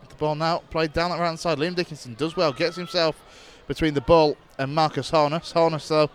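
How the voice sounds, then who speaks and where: Brisk male football play-by-play caller. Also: fairly high pitch, fairly even intonation, slight background noise. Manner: brisk play-by-play, rising to shouts at chances. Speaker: football commentator. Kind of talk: live play-by-play commentary.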